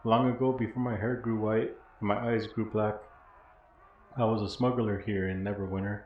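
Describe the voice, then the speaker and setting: A man's voice: lowish voice, little pitch movement, normal speed, close to an everyday voice. A man voicing a poor, blind old former smuggler from a video game, wry and bitter, in a rambling storyteller's delivery. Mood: proud, wry. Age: older. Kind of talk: reading video game dialogue in character. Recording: dull, roomy audio with faint noise.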